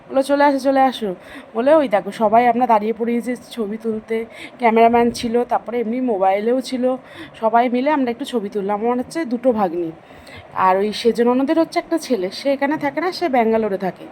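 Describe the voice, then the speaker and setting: A woman's voice: a little high, quick pace, darkish tone, slight background noise, poor audio. A middle-aged woman vlogger narrating family photos in a chatty, affectionate way, stopping to explain who is who in the family.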